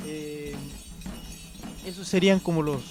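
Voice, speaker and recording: A man hosting a radio lesson on language sounds, explaining slowly and checking in often with short questions. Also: fairly high pitch, fairly even intonation, over music. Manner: unhurried, checks in with frequent "¿ya?" and "¿cierto?". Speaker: radio host teaching the language.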